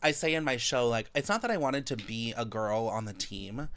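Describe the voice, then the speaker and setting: A man's voice: medium pitch, expressive, normal speed, fairly bright tone. A man hosting a podcast, chatting casually and enthusiastically, with a lot of encouraging agreement. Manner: enthusiastic, affirming, lots of backchannel. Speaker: podcast host. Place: podcast studio.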